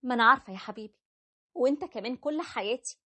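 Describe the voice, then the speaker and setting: A woman's voice: a little high, rapid-fire, pushed and bright. A woman voicing a loving, playful young wife with an Egyptian accent. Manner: playful and pleading. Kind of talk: animated story voice acting.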